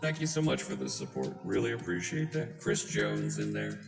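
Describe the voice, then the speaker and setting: Coding streamer thru a voice changer, pitched way down deep, gravelly, chatty and wry. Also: wildly swooping pitch, moderate pace. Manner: chatty, wry and self-deprecating. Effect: deep pitch-shifting voice changer. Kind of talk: casual live-stream chat. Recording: roomy sound with music behind. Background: background music.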